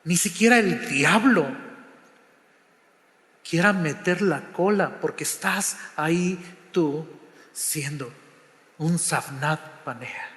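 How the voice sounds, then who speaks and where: Preacher in an echoing hall. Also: male voice. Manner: dramatic, acts out quotes, drops to hushed low voice. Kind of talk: sermon. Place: church sanctuary. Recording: roomy hall with long reverb.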